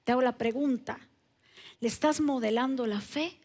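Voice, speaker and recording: A woman's voice: a little high, normal speed. A woman pastor preaching in a church, emphatic and asking the congregation many direct questions. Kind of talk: sermon. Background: soft keyboard music.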